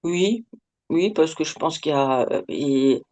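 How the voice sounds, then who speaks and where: Woman with a deep pitch-shifted voice, hesitant. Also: animated, a little slow, darkish tone. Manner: hesitant, with frequent trailing filler words. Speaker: interviewee giving an anonymous testimonial. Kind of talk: candid, informal interview answers.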